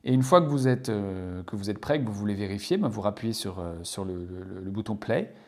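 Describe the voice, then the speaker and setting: A man's voice: on the low side, animated, brisk. A man teaching in a casual video tutorial, speaking in a friendly, encouraging way with many fillers and restarts. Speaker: English teacher.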